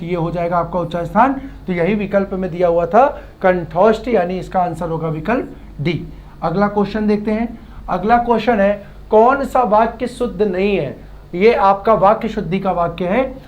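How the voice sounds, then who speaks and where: A man's voice: sits high, normal speed, lo-fi sound, a little hiss or hum. A male teacher working through exam practice questions, often asking a question back and repeating the answer, stretching out key syllables. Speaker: Hindi exam-prep teacher. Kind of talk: classroom-style lesson.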